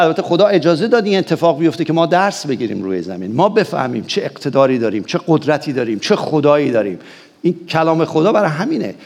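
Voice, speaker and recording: A man's voice: on the high side, darkish tone. A man from Iran, a pastor, preaching and praying in a commanding, impassioned way, repeating phrases for emphasis. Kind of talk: sermon with fervent prayer. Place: church hall. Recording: long church hall reverb.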